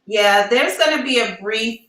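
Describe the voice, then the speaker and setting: An echoey, distant recording of an American woman with a bright voice. She chats informally and candidly as a live-stream psychic host, using slangy phrasing in what sounds like an empty room. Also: fairly high pitch, measured pace. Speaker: psychic reader hosting a live advice show. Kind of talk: casual live-stream chat. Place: emptied-out room indoors.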